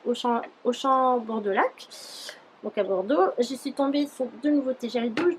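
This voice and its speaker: A young woman chats her way through a beauty haul, her voice sitting a little high. She rambles easily, filling pauses with hesitations. A faint noise hangs under the recording. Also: rough recording. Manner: chatty, rambling with many fillers. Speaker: beauty YouTuber. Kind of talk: casual haul vlog.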